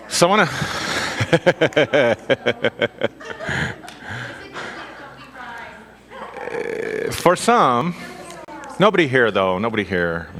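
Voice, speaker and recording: A man's voice: mid-range voice, a bit bright. A man giving an informal sermon as a Bible teacher, talking conversationally, asking his listeners questions and adding dry asides. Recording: long reverb of a large hall.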